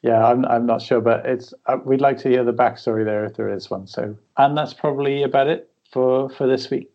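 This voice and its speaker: A man's voice: medium pitch, steady tone, fairly quick. Man on a dull lo-fi call line. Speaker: podcast co-host. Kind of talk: casual podcast chat. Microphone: remote call.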